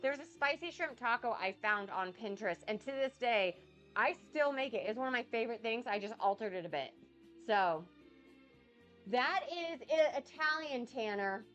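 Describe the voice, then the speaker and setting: An American woman hosts a casual cooking livestream, chatting and rambling as she cooks and reading out and answering viewers' chat comments. She sounds a bit sniffly and nasal from a cold. Her voice is a little high and a bit bright, with lively intonation at a normal speed, and soft music plays in the background.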